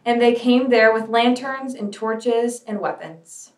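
A woman's voice: fairly high pitch, steady tone, slow pace. A woman reading a Good Friday scripture passage and leading prayers earnestly. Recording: echoey room, voice from a distance, soft music behind.

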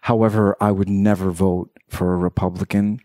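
A man's voice: low voice, little pitch movement, moderate pace, dark tone, dry recording, clean studio sound. A man hosting a casual interview, asking curious, teasing questions and laughing often. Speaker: podcast host.

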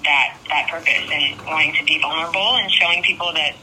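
A woman's voice: deep voice, fairly even intonation, fairly quick, pushed and bright, slight background noise, rough recording. Bubbly young woman, laughing guest. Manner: bubbly, laughs often, says like a lot. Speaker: country singer guest. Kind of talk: casual interview chat.

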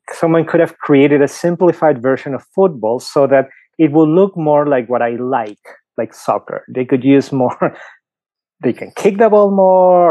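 Here the Peruvian priest, middle-aged with a Peruvian Spanish accent, talks through his views in a podcast interview, peppering them with fillers and examples. The recording is rough with no room sound, and his mid-range voice is a little mellow.

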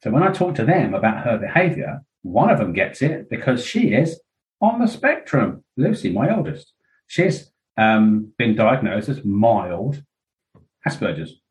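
A man's voice: medium pitch, very animated, measured pace, low-quality recording. A middle-aged man, a podcast guest speaking frankly and at length, rambling with many fillers and asides. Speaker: interview guest. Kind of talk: candid podcast conversation.

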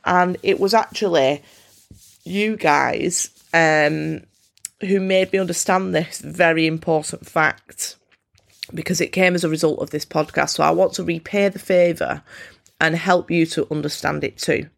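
A woman hosting a solo self-help podcast, talking candidly and encouragingly in a croaky, froggy voice with a congested nose. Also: low voice, a little slow. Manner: candid, informal, encouraging, swears freely. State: congested, snotty nose from a cold. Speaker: podcast host.

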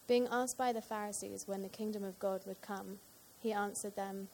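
Mellow-voiced woman reading scripture. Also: mid-range voice, fairly even intonation, normal speed, gravelly, a little hiss or hum. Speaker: scripture reader.

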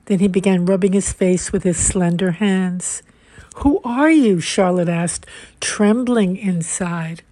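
A woman narrating a mystery novel aloud in a measured, unhurried reading. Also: fairly low pitch, fairly even intonation, dark tone, no echo. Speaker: audiobook narrator. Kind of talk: scripted narration.

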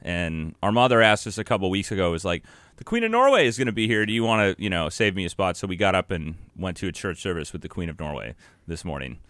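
An American man co-hosts a podcast with casual, chatty banter. His voice is on the low side but lively in its melody, and the recording is dry. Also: quick pace, no room sound. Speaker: podcast co-host.

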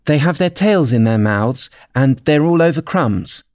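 Man voicing a polite, high-pitched young girl. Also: animated, measured pace, a little mellow. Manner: polite, wondering. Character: Alice, polite, curious, timid young girl.

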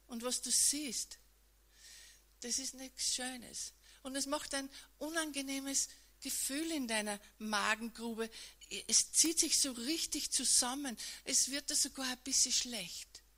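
Slow, bright-voiced woman guiding a retelling. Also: a little high. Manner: dramatic storytelling, swinging between loud and hushed. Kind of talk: guided imaginative retelling, second person.

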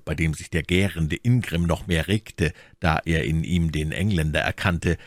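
A man narrating a classic novel as an audiobook with expressive storytelling. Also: sits low, no room sound, studio quality. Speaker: audiobook reader.

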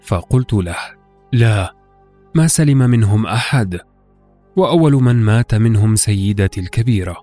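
A man's voice: fairly low pitch, expressive, moderate pace, mellow, soft background music. A man narrating a scripted literary tale in a formal, classical Arabic storytelling manner. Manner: formal classical Arabic recitation, acting out dialogue. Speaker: podcast host and storyteller.

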